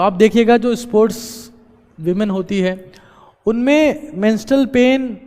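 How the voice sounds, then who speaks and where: Man, motivational talk, fairly high voice, exhorting, long echo trailing behind. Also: a little mellow. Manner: exhorting, repeats key phrases, mixes in English. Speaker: motivational speaker.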